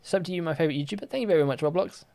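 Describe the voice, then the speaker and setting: A young man hosts a live-stream quiz in a fairly high, creaky, dark-toned voice, talking rapid-fire. He chats casually and uses lots of fillers while reading out viewer comments and answering them.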